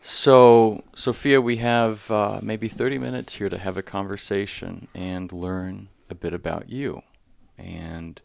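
This man has a low voice with a gravelly edge. He works through a formal introduction in a measured way before turning to interview questions. The sound is close and dry. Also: steady tone, a little mellow, dry recording. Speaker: host and moderator.

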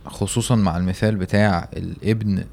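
A man's voice: sits low, steady tone, a little fast, vocal fry, darkish tone. A young man with an Egyptian Arabic accent, co-hosting a casual chat on religion in an informal way, often checking he is understood.

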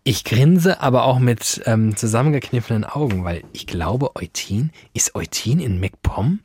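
A man's voice: mid-range voice, animated, normal speed, darkish tone, breathy edge. A man co-hosting a podcast in a studio, teasing his partner with dry, mock-lecturing remarks in casual banter. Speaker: podcast co-host.

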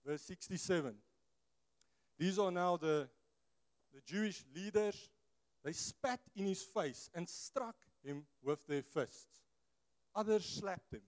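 A man's voice: high voice, clear, resonant tone. A man with a broad South African Afrikaans accent preaches informally to a church congregation in an earnest, conversational way, as a native Afrikaans speaker.

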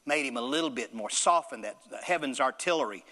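A man's voice: mid-range voice, expressive, quick pace, pushed and bright, in a large hall. A male pastor delivering an emphatic sermon with call-and-response to the congregation.

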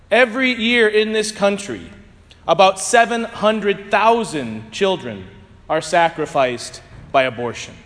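A man serving as priest, reading the gospel and preaching a homily in a measured, solemn way, his voice ringing with cathedral echo. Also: high voice, fairly bright tone. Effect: cathedral echo, long church reverb. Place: large church. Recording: long reverb from a large church.

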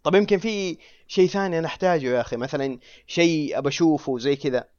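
A man co-hosting a podcast, talking very quickly in a chatty way and often asking if he is understood. His voice sits at a middling pitch. The recording is dry and a little dull and lo-fi. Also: a little mellow, no room sound. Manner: chatty, keeps checking the listener follows. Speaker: podcast co-host. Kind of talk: casual chat.

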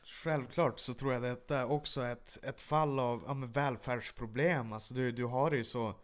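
A man chats on a podcast. He tells stories with energy and acts out the shouting in them. His voice sits at a middle pitch. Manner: animated anecdotes, acts out shouting. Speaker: podcast co-host. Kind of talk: casual chat, storytelling.

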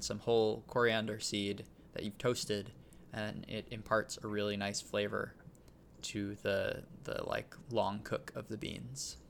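A man hosting a casual podcast and explaining things in a relaxed way, with frequent ums. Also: fairly low pitch, gravelly, slight background noise. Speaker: podcast host. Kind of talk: casual chat.

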